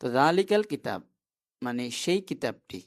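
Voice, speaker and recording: A man's voice: medium pitch, sing-song, normal speed. A man teaching an online class, who explains step by step and keeps asking his students questions.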